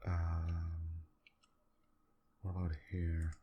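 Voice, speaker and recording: A man quietly talking through a computer game in a soft-spoken ASMR style, musing aloud at an unhurried pace with many pauses. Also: sits low, completely flat delivery, dull audio, slight background noise. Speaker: gaming channel host.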